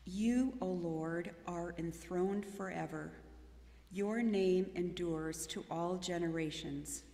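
A woman leading a responsive psalm and reading scripture aloud in a church service, in a measured way. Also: fairly low pitch, dark tone, a little hiss or hum. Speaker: scripture reader. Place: church sanctuary. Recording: echoey church hall reverb.

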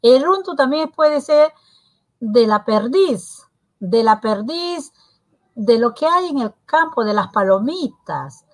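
A woman co-hosts a language lesson on web TV. Her voice sits somewhat high, and she speaks slowly, stopping now and then to search for the right example. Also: expressive, poor audio. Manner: unhurried, searches for words while explaining. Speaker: co-host.

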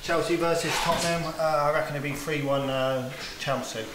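Guy w high voice doing jokey casual chat, echoey room, really noisy. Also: fairly even intonation, moderate pace. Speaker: comic presenter doing a challenge. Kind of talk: casual joking chat to camera. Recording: echoey room, loud background noise, clicks.

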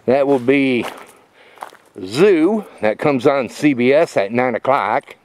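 Slow-talking man rambling on a trail walk. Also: medium pitch, lively intonation, a little mellow, slight background noise. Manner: rambling, lots of fillers and restarts; walking while talking. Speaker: vlogger. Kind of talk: casual rambling chat. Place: outdoors on a wooded trail. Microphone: phone camera held at arm's length.

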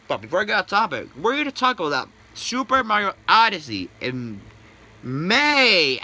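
A man hosting a casual gaming news vlog, excitable and rambling, with many restarts and false starts. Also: fairly high pitch. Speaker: gaming YouTuber.

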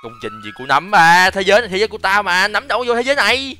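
Young man, gaming host, excitable, rapid, high bright voice, faint music. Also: dry recording. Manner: excitable, yells and repeats words. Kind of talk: playful game role-play commentary.

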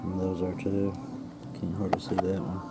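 An artifact hunter, plainspoken and folksy, muses in brief phrases as he casually presents his finds to a handheld camera kept close to the ground outdoors. His low, gravelly voice is flat at a normal pace, caught by the camera mic over background radio music.

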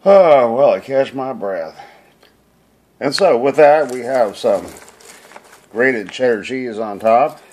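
Home cook, male, very unhurried and folksy, narrating his own kitchen video. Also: mid-range voice, animated, a little mellow. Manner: rambling, folksy, many fillers. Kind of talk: casual cooking narration.

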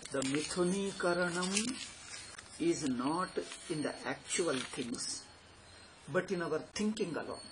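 Older guy w south indian accent explaining scripture, kinda high voice, repeats himself, noisy home recording. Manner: didactic, repeats phrases and poses questions. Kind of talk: informal explanatory lecture on scripture with Sanskrit terms. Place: small plain room indoors.

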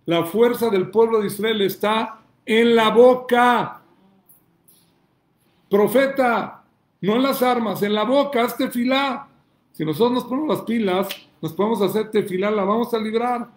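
Emphatic high-voiced preaching man, echoey room. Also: measured pace. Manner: emphatic preacher, asks and answers his own questions, shouts calls to God. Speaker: rabbi. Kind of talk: sermon.

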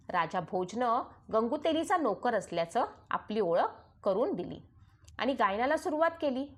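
A woman narrating a traditional moral tale in a calm, even storytelling manner. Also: fairly high pitch.

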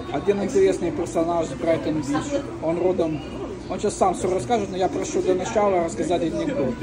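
A man hosting a channel, casually introducing and prompting a guest. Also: high voice. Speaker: channel host.

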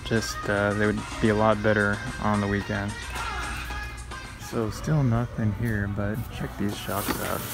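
A man's voice: lowish voice, level tone, a little slow, vocal fry, over loud music. A man in his thirties chatting casually as he vlogs, easygoing and full of filler words, filmed on a phone held at arm's length. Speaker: sneaker reseller vlogger. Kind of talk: casual vlog narration. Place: parked car and retail stores.

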